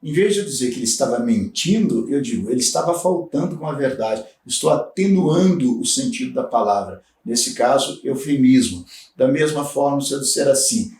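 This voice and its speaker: A man teaching a grammar lesson, explaining slowly and deliberately with pauses and frequent tag questions. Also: medium pitch, animated, darkish tone, far from the mic, slight background noise. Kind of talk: recorded grammar lecture. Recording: echoey room, voice off-mic.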